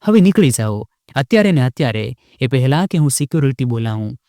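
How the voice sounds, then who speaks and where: A haughty rich young wife, as a male storyteller puts her on, her sharp, taunting voice jumping high as she scolds. She speaks at a middling pitch and sounds close and dry, with no room around her. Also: big pitch swings, a little fast, no echo. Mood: scornful.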